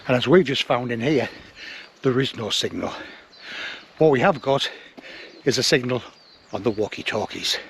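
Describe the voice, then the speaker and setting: Heard with a slight hiss or hum, a mid-range male voice belongs to an outdoor gear reviewer in his fifties. Moving between a forest trail and a small room indoors, he talks to the camera plainly and casually, breaking his review into steps.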